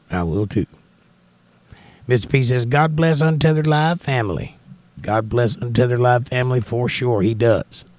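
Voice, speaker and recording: A man's voice: medium pitch, darkish tone, no echo. Crackly-voiced American man hosting a livestream. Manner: folksy, thanking and blessing listeners. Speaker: livestream host. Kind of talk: casual live chat, reading out viewer messages.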